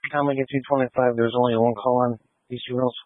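A man's voice: medium pitch, little pitch movement, very fast, dry recording. A man, a police officer, checking in with terse radio codes over a police radio. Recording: narrow-band dry radio transmission.

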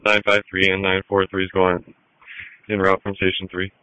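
A man's voice: deep voice, monotone, normal speed, pushed and bright, clean tone, dry recording, poor audio. A man speaking as an emergency responder in brief two-way radio traffic.

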